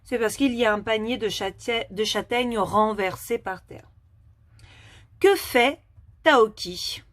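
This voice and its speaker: A woman leads a phonics lesson for small children, speaking very slowly and carefully. Her voice sits slightly high, and each word is articulated with patient clarity. The sound is dry and close, with no room echo. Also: a bit bright. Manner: slow, clearly articulated, patient questioning. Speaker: teacher.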